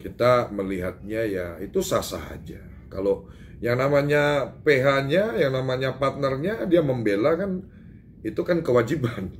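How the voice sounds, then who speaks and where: A man's voice: medium pitch, unhurried. An Indonesian man makes an emphatic statement to reporters, his voice rising as he drives each point home. He stumbles over fillers and restarts. A faint noise sits behind him. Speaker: public figure giving a press statement. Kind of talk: doorstop interview with reporters.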